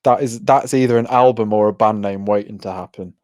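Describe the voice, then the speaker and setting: A man's voice: lowish voice, steady tone, brisk, a little mellow, no room sound, clean studio sound. A man co-hosting a podcast, chatting casually with enthusiasm and frequent laughter. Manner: enthusiastic, laughs often, jokes. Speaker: podcast co-host. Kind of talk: casual recap chat.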